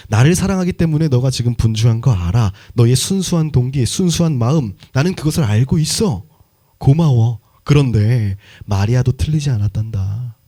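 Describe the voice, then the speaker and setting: A preacher voicing a gentle, patient grown man who soothes by repeating names softly. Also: medium pitch, close to an everyday voice. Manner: soft, reassuring, repeats names.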